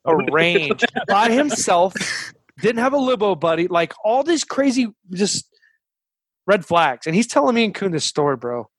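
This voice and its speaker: A man with a high voice tells stories in a loose podcast style. His talk is emphatic, full of swearing and military slang. The sound is very dry. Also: very animated, normal speed, dry recording. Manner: heavily profane, slangy, emphatic. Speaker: former military staff sergeant telling stories. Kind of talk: casual podcast storytelling.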